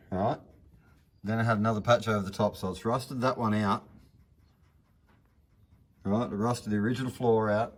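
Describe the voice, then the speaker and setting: Low-voiced man, broad Australian accent. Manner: laconic, slangy, understated. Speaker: hobby car restorer presenting progress videos. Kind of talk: casual workshop vlog, off-the-cuff commentary.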